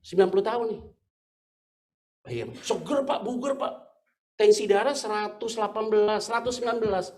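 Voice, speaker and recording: A man's voice: sits high, a little fast, pauses often, darkish tone, slight background noise. A middle-aged man preaching a sermon as pastor, telling stories in a casual, slangy way and laughing often.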